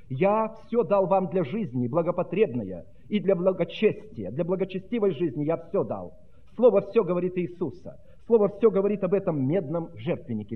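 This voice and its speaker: Fervent high-voiced male preacher, tinny sound. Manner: fervent, rhythmic, swinging between loud proclamation and hushed tones. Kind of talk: sermon.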